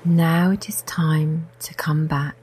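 A woman guiding a meditation in a soft voice, often slipping into a whisper. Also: low-pitched, steady tone, takes it slowly, a little hiss or hum. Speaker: meditation guide. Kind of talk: guided meditation.

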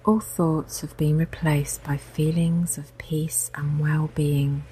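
A woman leads a guided meditation in a low, unhurried voice that often drops to a whisper. Her tone is dark and mellow. A faint hiss sits under the recording. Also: level tone, rough recording. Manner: soft, slow, often whispered.

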